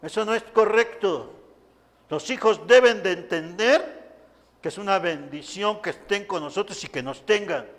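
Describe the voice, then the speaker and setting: A man preaches with emphasis, his voice sitting high for a man. He keeps turning to the congregation and calling out to them. A long reverb from the church hall trails after each phrase. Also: moderate pace. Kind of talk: sermon.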